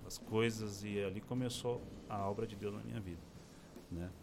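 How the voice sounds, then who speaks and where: A man's voice: fairly low pitch, normal speed, background noise. A man in his forties, an interview guest, telling a personal testimony in casual chat and acting out the voices of the people he quotes. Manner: expressive storyteller, acts out quoted voices.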